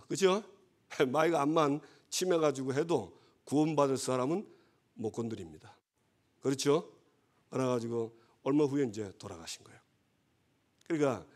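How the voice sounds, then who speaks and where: A male pastor gives a conversational sermon and often checks that the congregation agrees. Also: medium pitch.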